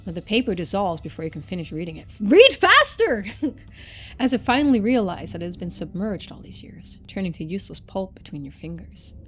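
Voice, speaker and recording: A woman streamer reads a story game aloud, narrating expressively and dropping in casual asides. Her voice is mid-range and fairly quick.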